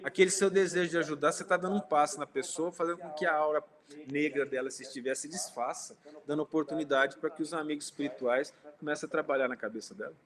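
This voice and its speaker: Man, somewhat high voice, informal spiritist speaker telling personal stories and voicing the dialogue in them. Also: fairly even intonation, quick pace, crowd noise. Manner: conversational, speaks directly to listeners; acts out quoted dialogue in his stories. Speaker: spiritist lecturer.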